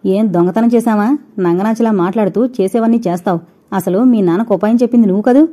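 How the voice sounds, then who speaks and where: A woman voicing an angry, domineering young husband who shouts and scolds. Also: mid-range voice, steady tone, fast talker, close to an everyday voice. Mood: angry shouting.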